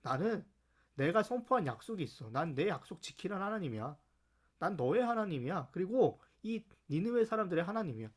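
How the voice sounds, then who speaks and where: A man's voice: high-pitched, very animated, brisk. A man voicing God as a stern but patient father who scolds firmly. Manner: firm, scolding.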